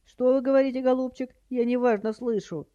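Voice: high-pitched, fairly even intonation, fairly quick, dark tone, lo-fi sound, pitched above the performer's own voice, close to an everyday voice. A narrator voicing a feeble old woman who plays senile, with a quavering, doddering voice and a fussy, dithering manner.

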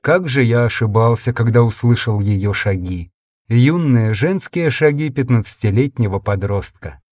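A man's voice: mid-range voice, lively intonation, normal speed, a little mellow, dry recording, clean studio sound. A man reading a first-person sci-fi audiobook in an intense, dramatic storytelling manner. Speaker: audiobook narrator.

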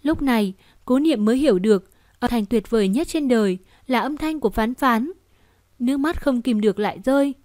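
Fairly high-voiced woman narrating a novel. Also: lively intonation, brisk, darkish tone, no echo, clean studio sound. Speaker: audiobook narrator. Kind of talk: scripted narration.

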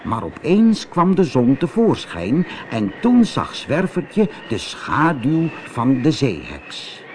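Animated man reading a children's story. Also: mid-range voice, a little hiss or hum. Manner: expressive, slow, animated storytelling. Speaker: audiobook reader.

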